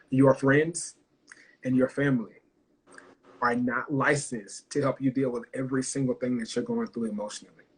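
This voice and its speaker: Choked up and emotional, a livestream host gives an earnest, emphatic, heartfelt talk, swearing freely as he goes. His voice is medium-pitched, and the recording is low quality.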